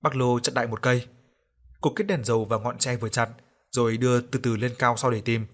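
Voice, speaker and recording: A man's voice: mid-range voice, fairly even intonation, brisk. A man narrating a ghost story in a scripted storytelling style, sometimes raising his voice to act out a grieving mother's pleading. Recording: faint music underneath.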